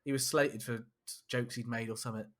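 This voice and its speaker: Quick bright-voiced man chatting. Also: medium pitch, fairly even intonation. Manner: chatty storyteller, polite, easygoing. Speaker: podcast co-host. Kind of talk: casual podcast chat.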